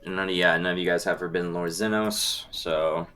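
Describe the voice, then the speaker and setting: Deep-voiced man narrating as game master. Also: fairly even intonation, sharp tone. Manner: descriptive, deliberate scene-setting. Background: background music.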